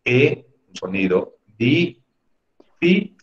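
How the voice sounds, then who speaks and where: A man lectures patiently to an online class, often pausing to check that students follow. His voice sits at an ordinary middle pitch. It comes through a video call microphone with dull, lo-fi sound. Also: sing-song. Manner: patient, explanatory, often asks "¿no?". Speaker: teacher.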